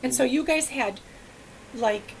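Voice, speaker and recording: Woman conducting an oral history interview, attentive and encouraging, with a slightly high voice and a faint hiss behind her. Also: slow pace, creaky, rough recording. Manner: attentive, encouraging back-channel replies. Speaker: interviewer, library researcher.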